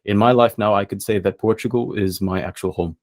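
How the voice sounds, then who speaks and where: With a lowish voice and a steady tone, this young Filipino guest on a podcast talks in a relaxed, reflective way, full of pauses and filler words.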